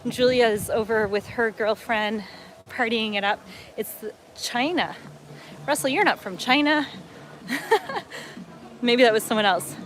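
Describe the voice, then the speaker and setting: A chatty woman in her middle years, from upstate New York, talks in a slightly high voice as she strolls a lakeside promenade. She reads viewer comments aloud and chats casually. Faint outdoor noise sits under the voice. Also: slow pace, pauses often. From upstate New York, USA. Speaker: travel vlogger hosting a livestream. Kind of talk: casual livestream chat.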